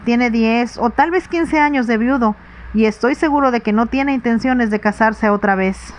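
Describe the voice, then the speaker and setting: A woman voicing an anxious, sensible young stepdaughter, pleading earnestly in a soft, whispered role-play audiobook reading. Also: a little high, normal speed, natural voice.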